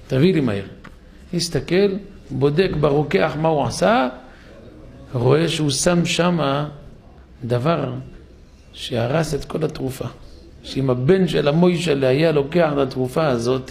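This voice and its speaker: Gravelly-voiced rabbi telling a story. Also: male voice, a little high, a little mellow. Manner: dramatic storyteller, acts out the characters. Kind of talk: sermon storytelling. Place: synagogue.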